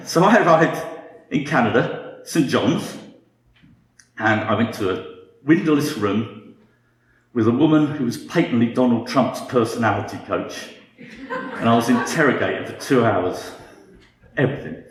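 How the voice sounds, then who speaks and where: A man's voice: lowish voice, reverberant. A British man in his fifties giving a humorous talk with dry, self-mocking wit. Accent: British English. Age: 50s. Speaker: guest speaker.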